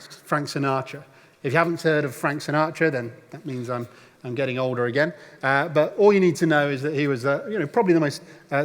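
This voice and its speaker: A man preaching a sermon, telling a story and now and then acting out the voices of people in it. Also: on the high side. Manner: storytelling, acts out voices of the crowd. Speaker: pastor. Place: church auditorium. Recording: long church hall reverb.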